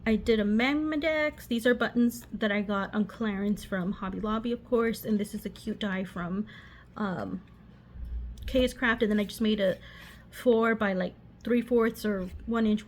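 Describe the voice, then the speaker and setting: A woman's voice: mid-range voice, fairly even intonation, unhurried. A woman giving a casual, rambling craft show-and-tell in her living room over a running washing machine, often losing her thread and interrupting herself. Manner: scattered, self-interrupting, giggly asides. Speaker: craft vlogger. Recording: washing machine noise in background.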